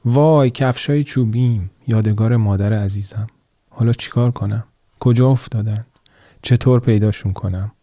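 A man's voice: fairly low pitch, warm tone, no room sound, lightly acted. A man voicing a poor, cold little girl who sells matches, in a raised, plaintive childlike voice.

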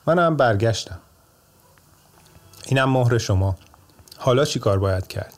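A man's voice: mid-range voice, expressive, lightly acted. A man doing an anxious, wronged plaintiff.

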